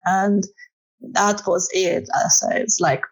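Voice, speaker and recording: This woman, a photographer guest with a Russian accent, speaks slowly in a medium-pitched voice with fairly even intonation. She answers interview questions casually, with plenty of fillers and frequent laughter.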